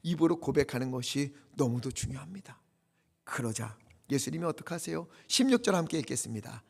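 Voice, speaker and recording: A male pastor preaching a dramatic sermon, swinging between loud urgent appeals and hushed near-whispers. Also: medium pitch, lively intonation, brisk, creaky, breathy edge. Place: church sanctuary. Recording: long church hall reverb.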